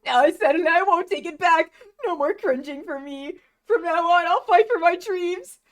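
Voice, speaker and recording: A woman voicing a timid, high-strung young cabin boy in a cartoon, anxious and squealing. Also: moderate pace. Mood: resolved.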